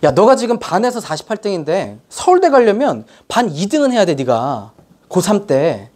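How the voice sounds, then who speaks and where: A woman acting out a blunt high school teacher, speaking lower and firmly. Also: very animated, moderate pace, darkish tone. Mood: stern.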